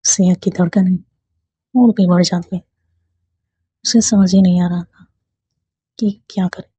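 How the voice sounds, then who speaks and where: A woman reads a romance story aloud in a calm, gentle way, her voice husky and mellow. She takes her time, speaking slowly. The recording is dry and slightly muffled. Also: lowish voice, dry recording.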